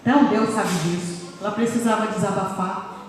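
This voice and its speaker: A woman's voice: medium pitch, steady tone, normal speed. A woman preaching a sermon with emphasis, often repeating phrases for stress. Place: church sanctuary. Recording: echoey hall, voice far from mic, faint noise.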